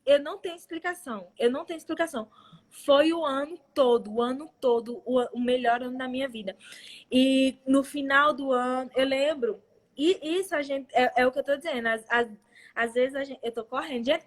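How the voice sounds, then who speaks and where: Woman, Brazilian Portuguese accent, high voice, emotional testimony, halting with restarts, young adult. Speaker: missionary speaker. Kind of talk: testimony talk at a church live event.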